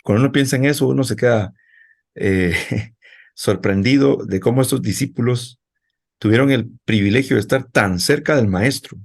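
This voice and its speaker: A man's voice: medium pitch, moderate pace, vocal fry. A male pastor preaching a sermon in a conversational way, speaking directly to his congregation.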